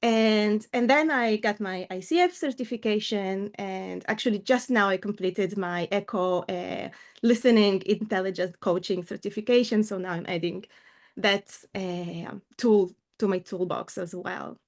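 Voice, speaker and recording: In an unhurried, mid-range voice, a coach guesting on a casual video call interview talks earnestly and thoughtfully, dropping in small fillers. She is middle-aged, from Ukraine, and grew up in Israel.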